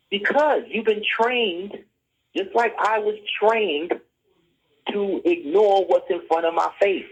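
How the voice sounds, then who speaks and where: A middle-aged man with a high, breathy voice guests on a podcast, delivering a conversational lecture. Insistent, he keeps pressing his points and asking "you see what I'm saying?" to make sure he's followed, all in dull lo-fi audio.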